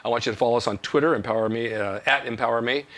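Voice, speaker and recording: A man's voice: mid-range voice, racing, a bit bright. An older man hosting a fitness talk show, telling folksy stories and giving motivational tips. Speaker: host. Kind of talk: casual chat.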